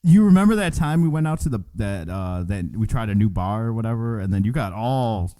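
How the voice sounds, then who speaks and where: A man's voice: on the low side, lively intonation, fairly quick, mellow. A man co-hosting a podcast in casual chat, easygoing and teasing as he tells stories. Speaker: podcast co-host.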